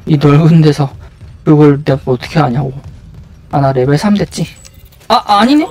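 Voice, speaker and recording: A man's voice: fairly high pitch, lively intonation, normal speed, a little mellow. A man giving casual live video game commentary, muttering and thinking aloud to himself as he plays.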